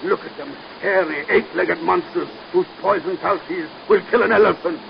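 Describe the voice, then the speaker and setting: An actor playing a megalomaniac mad scientist who gloats theatrically in a 1930s radio drama. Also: male voice, high voice, moderate pace, vocal fry, highs cut off. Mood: gloating. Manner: gloating, theatrical, rising to shrieks. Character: megalomaniac mad scientist breeding giant spiders. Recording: scratchy 1930s radio recording.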